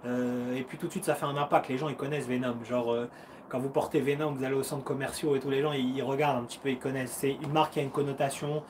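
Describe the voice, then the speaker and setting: A man's voice: medium pitch, fairly even intonation, fast talker, background noise. A man in his thirties, a karate fighter and coach hosting a casual live Q&A from home, upbeat and encouraging, chatty with slang, acting out punches and footwork with little sounds. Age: 30s.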